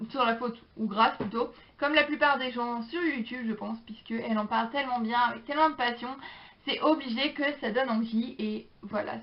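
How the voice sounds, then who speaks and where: A young woman vlogging about books she borrowed, chatting casually with frequent hesitations and fillers. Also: a little high. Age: young adult. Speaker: book vlogger. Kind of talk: casual chat. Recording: slightly dull lo-fi sound.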